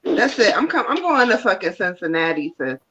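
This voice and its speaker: A woman co-hosts a casual live stream, calling out viewers by name. She sounds playful and slangy, swears freely, and keeps her voice at a plain middle pitch. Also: very animated, brisk, muffled recording, background noise. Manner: playful, swears, calls people baby girl.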